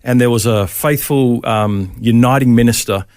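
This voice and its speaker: Hesitant Australian pastor, dry sound. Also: male voice, medium pitch, moderate pace, a little mellow, dry recording. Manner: hesitant, many ums and restarts. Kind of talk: casual interview testimony.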